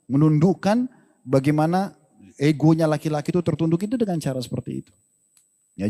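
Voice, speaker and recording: A man giving a lively religious lecture to an audience, asking rhetorical questions and joking. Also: high voice. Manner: animated, rhetorical questions, jokes and laughs with the crowd. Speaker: Islamic preacher. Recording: long hall reverb.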